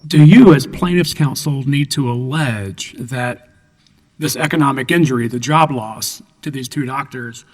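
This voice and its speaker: A male appellate judge, voice hoarse and scratchy, builds a careful, methodical question for counsel. The courtroom's long reverb hangs on his words. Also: medium pitch, measured pace. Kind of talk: questioning counsel at oral argument. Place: appeals courtroom.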